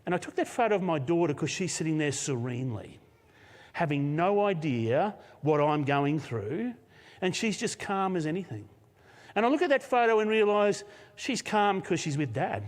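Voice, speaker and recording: A man with an Australian accent, a senior pastor, telling a personal story in a live sermon with lively laughs. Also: a little high, moderate pace. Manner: animated storyteller, laughs often. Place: church auditorium, live service. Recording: long hall reverb.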